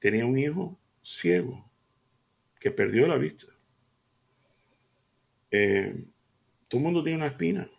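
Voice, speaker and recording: A man's voice: medium pitch, animated, measured pace, vocal fry, pauses often, husky. An older man hosting a radio devotional, talking in an earnest, folksy way with many hesitant fillers.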